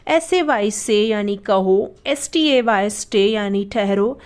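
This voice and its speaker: A woman's voice: medium pitch, slow pace, smooth. A Hindi-speaking woman teaching vocabulary, spelling each word letter by letter and asking questions she then answers herself. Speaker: English teacher. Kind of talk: spoken vocabulary lesson.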